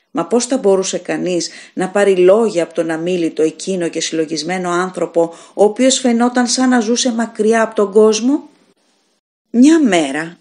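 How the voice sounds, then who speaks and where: A woman narrating an audiobook of a gothic story in a measured, expressive way. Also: medium pitch. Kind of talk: scripted narration of a gothic tale.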